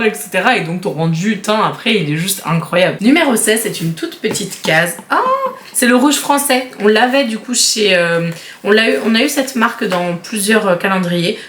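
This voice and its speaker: A woman beauty vlogger chatting casually through an unboxing, giggly and quick to laugh at herself. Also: on the low side, echoey room. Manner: chatty, giggly, self-mocking.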